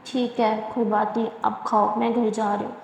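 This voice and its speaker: A woman's voice: on the high side, level tone, moderate pace, gravelly, a little mellow, slight background noise. Woman doing a chatty innocent young woman. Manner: pleading, whiny, chatty. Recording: echoey room with long reverb.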